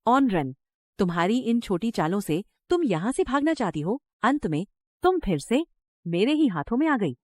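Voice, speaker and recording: A woman's voice: medium pitch, sing-song, moderate pace, a little mellow, dry recording. A middle-aged woman voicing a cruel, scheming village mother-in-law who scolds and threatens harshly. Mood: menacing. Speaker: dubbing actor. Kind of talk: Hindi drama dub.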